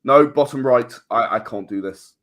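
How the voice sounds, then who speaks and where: This man, a podcast guest who makes films and writes audio dramas, talks in a relaxed, meandering way, often repeating words as he gropes for how to say things. He has a mid-range, slightly bright voice at normal speed.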